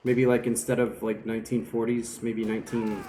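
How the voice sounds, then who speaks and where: A man's voice: medium pitch, flat delivery, normal speed, dark tone. A man giving casual commentary while he plays a video game. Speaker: let's play commentator. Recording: faint game noise behind voice. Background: video game sounds.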